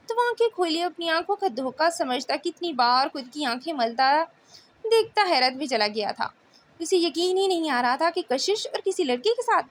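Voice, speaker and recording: A woman narrating a romance novel in a steady storytelling manner. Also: sits high, a little hiss or hum. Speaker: audiobook narrator.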